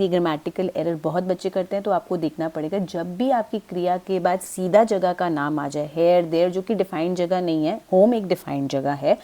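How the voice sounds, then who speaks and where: A woman with an Indian English accent teaching English grammar step by step, slowing down on example sentences. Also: lowish voice, mellow. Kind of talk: classroom-style grammar lesson.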